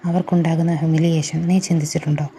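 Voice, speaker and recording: A woman narrator voicing a cold, calmly manipulative young man in an audio story. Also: low-pitched, fast talker, slight background noise, lightly acted. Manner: calm, controlled and commanding.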